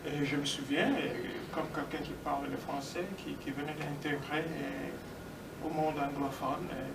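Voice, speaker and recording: A middle-aged man giving an informal speech as a guest, haltingly, with many hesitations and repeated words. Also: a little high, level tone, vocal fry. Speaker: guest speaker. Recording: noisy echoey room, distant microphone.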